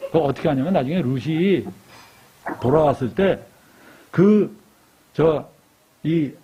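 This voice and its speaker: A man preaching a sermon in a church, telling a story with lively questions to the congregation. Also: on the high side, breathy edge. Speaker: lay preacher. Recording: dull lo-fi church recording.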